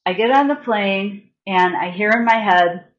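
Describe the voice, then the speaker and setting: A woman's voice: mid-range voice, highs cut off. A woman spiritual healer and massage therapist, talking casually on a live stream with fillers and restarts, and leading a guided meditation. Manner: chatty, halting, with fillers and restarts.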